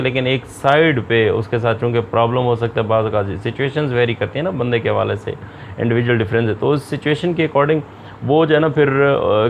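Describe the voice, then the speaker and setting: A man giving a recorded lecture, reading out English lines slowly, then explaining them quickly in his own words. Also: mid-range voice, creaky, highs cut off, slight background noise.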